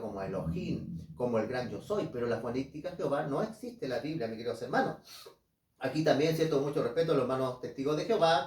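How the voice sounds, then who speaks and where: An earnest male preacher teaching from the Bible and calling his listeners dear brothers. He slows right down to read the verses aloud. His voice sits back from the mic and rings around a roomy, echoing space. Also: sits high, darkish tone, distant mic. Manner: reads scripture slowly and deliberately.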